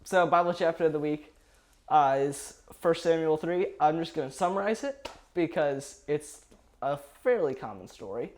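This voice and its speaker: A man's voice: a little high, expressive, moderate pace, a little mellow. A young man casually summarizes a Bible chapter on a podcast, hesitant and full of fillers and restarts. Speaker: podcast co-host.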